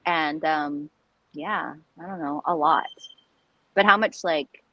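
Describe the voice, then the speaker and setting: A woman chatting casually as a guest, animated and self-deprecating, repeating words for emphasis. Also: low voice, slow, no room sound, highs cut off. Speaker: guest, recreational jump roper. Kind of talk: casual chat about learning skills.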